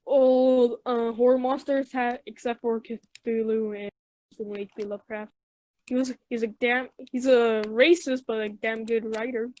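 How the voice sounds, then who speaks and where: Brief: young woman from Mexico, high voice, rambling podcast co-host. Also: steady tone, unhurried, darkish tone. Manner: rambling, tangent-prone, full of fillers. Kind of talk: casual chat.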